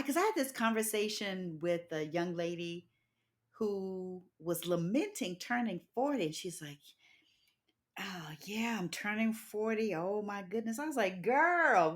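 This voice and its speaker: A woman's voice: on the high side, a bit bright. A woman in her fifties hosting a podcast interview, talking expressively and emphatically and laughing often. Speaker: podcast host. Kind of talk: casual interview chat.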